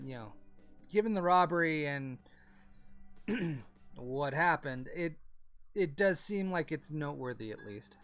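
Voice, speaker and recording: A man acts out an elderly woman witness in an improvised tabletop game, her voice set a touch higher than his own. She talks slowly and haltingly, stacking up fillers and restarts. The result is polite and gossipy. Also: fairly bright tone. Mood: musing. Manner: hesitant, stammering, full of fillers. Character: nosy elderly woman neighbor, rambling and polite. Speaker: game master. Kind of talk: tabletop role-play, improvised character voice.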